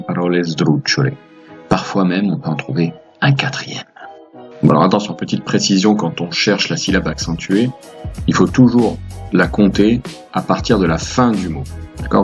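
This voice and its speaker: Low gravelly man teaching grammar. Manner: upbeat, patient teaching, playful asides. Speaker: language teacher, host. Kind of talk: explaining grammar to viewers.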